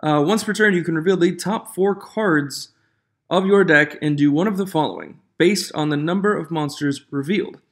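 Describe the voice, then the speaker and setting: A slightly high-voiced man talks to his viewers from an echoey room, his sound bouncing off the walls and picked up on an unfamiliar mic. He reads out rule text and then reacts to it, growing more worked up as he goes. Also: moderate pace. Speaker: channel host. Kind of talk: casual commentary reviewing game rule changes. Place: echoey room away from his usual studio. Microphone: a different microphone from usual.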